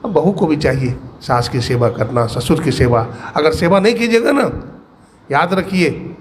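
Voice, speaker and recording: A man's voice: a little high, lively intonation, moderate pace, a little hiss or hum. Folksy man preaching a parable. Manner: folksy, acts out the people in his parable. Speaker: spiritual teacher. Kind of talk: storytelling sermon. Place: satsang gathering hall.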